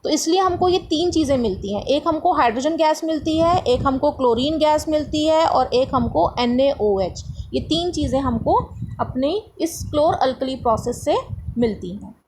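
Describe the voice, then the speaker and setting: A woman's voice: sits high, expressive, moderate pace, darkish tone, a little hiss or hum, low-quality recording. A woman science tutor explaining a lesson step by step, asking rhetorical questions as she goes.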